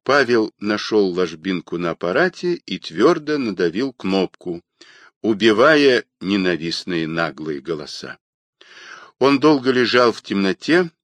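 A man narrating an audiobook in an unhurried, expressive reading. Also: deep voice, dry recording. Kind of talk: scripted narration.

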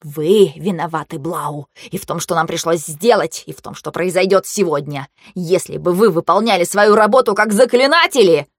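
A woman voicing a mocking, panicky young nobleman who swings from sneers to shrill outbursts, in a storybook reading. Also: normal speed, hardly any pauses, dry recording, studio quality. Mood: feverish.

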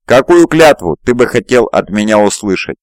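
A man voicing a hoarse, sly old priest in an audiobook, low voice. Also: sing-song, moderate pace, dry recording. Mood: calm, patient. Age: older.

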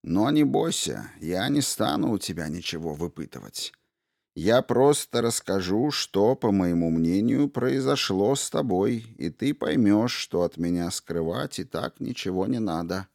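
A man voicing an old witch who was once a fairy queen, bitter and guarded, in a hushed, slow, menacing tone for an audiobook. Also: lowish voice, expressive, gravelly, dry recording, studio quality, heavily acted. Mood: guarded, weary. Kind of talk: audiobook character reading.

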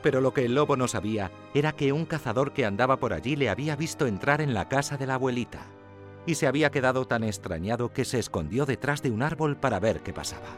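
A man narrating a fairy tale with an expressive storytelling lilt. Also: mid-range voice, quick pace, soft background music.

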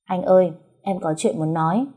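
A woman's voice: lowish voice, moderate pace, dark tone, close to an everyday voice. A woman doing a naive, stubborn young heroine. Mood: insistent.

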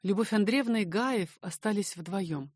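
A woman reads a play's stage directions aloud in a quiet, measured voice. Her pace is slow and her pitch sits in a middle range. The recording is close and dry. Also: breathy edge, no room sound. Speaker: narrator.

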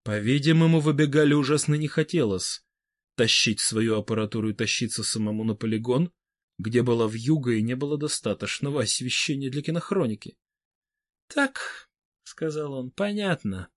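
A man narrating a story in an even storytelling manner. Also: medium pitch, brisk, dry recording, clean studio sound. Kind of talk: audiobook narration.

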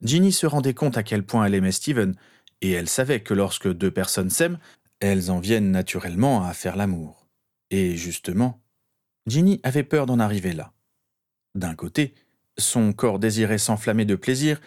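A man narrating an audiobook in a steady, even reading voice. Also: lowish voice, moderate pace.

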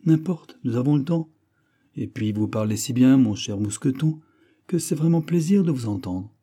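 A man voicing a bold, middle-aged male musketeer who asks brisk, teasing questions. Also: medium pitch, expressive, mellow, voice pushed up, lightly acted. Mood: eager.

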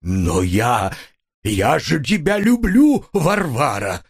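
A man voicing a self-pitying, melodramatic husband who whines through his nose in a drawn-out, declaiming way. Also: mid-range voice, big pitch swings, husky, heavily acted. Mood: pleading. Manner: drawn-out nasal whining, declaiming in verse. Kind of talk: audiobook character voice.

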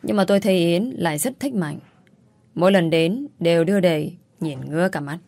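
A woman narrating a first-person family story in a steady, even reading. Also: lowish voice, a little fast, vocal fry, no echo.

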